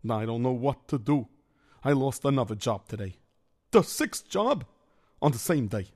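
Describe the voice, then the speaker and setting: A man's voice: mid-range voice, big pitch swings, normal speed, a little mellow. A man voicing a bumbling, fretful worker who speaks, lamenting and stammering. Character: bumbling hapless male worker, fretful and clumsy.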